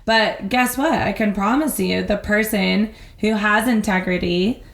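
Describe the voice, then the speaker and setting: A woman co-hosting a podcast in casual chat, talking in an animated way and acting out little scenes. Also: medium pitch, creaky. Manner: animated, acts out little scenes in quick voices. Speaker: podcast co-host. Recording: roomy echo.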